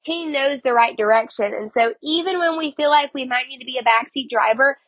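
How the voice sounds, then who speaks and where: This devotional podcast host chats casually, leaning heavily on "like," while clearly nursing a cold that leaves her sniffly. She speaks briskly in a high, slightly bright voice. No room sound can be heard.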